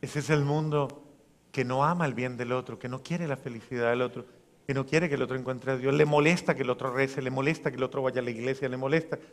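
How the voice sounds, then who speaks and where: A man preaching a homily as a parish priest, acting out voices and swinging from soft to loud. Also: medium pitch, steady tone, quick pace. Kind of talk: sermon. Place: large church. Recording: long church reverb.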